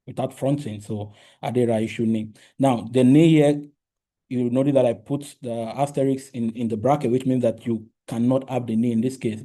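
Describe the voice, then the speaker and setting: This researcher's medium-pitched voice is warm as he gives a linguistics talk in a lecture room. Yoruba is his first language, and his delivery includes many fillers, restarts and frequent "right?" check-ins.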